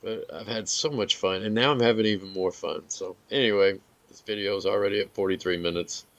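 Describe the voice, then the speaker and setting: A man giving relaxed, rambling commentary over his gameplay, with filler words and some hiccups. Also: fairly low pitch, a little fast, no room sound, muffled recording. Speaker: gaming video creator.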